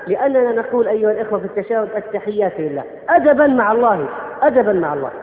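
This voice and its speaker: A man preaching a sermon, correcting common phrases and repeatedly addressing his listeners as brothers. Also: extremely high pitch. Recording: tinny lo-fi recording in an echoey hall.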